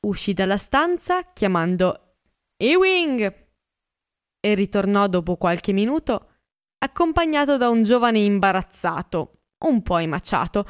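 Smooth-voiced woman narrating an audiobook. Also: fairly high pitch, no room sound, clean studio sound. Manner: measured, expressive reading.

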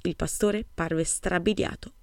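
A woman narrating a storybook mystery in a calm, measured voice. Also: lowish voice, no echo, clean studio sound. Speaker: audiobook narrator. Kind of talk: scripted narration. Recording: music playing behind.

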